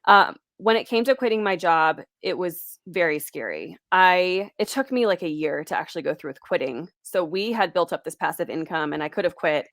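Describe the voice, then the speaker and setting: A woman's voice: on the low side, animated, normal speed, hardly any pauses, fairly bright tone, no room sound, clean studio sound. A woman in her late twenties, a guest speaking candidly and reflectively in an interview conversation. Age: 20s. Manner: candid, reflective, laughs lightly.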